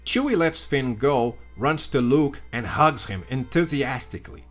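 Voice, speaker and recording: A man's voice: mid-range voice, animated, unhurried, soft background music. A man narrating a comedic retelling of a story with sarcastic asides and mock outbursts.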